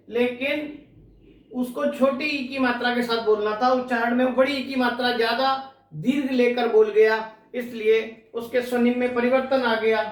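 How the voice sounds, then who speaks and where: High-voiced male teacher in an echoey room. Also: a bit bright, far from the mic. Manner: asks the class questions and answers them himself; slow, deliberate explaining with drawn-out stressed words. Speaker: Hindi linguistics teacher. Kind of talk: exam-prep lecture. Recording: echoey room, voice away from the mic.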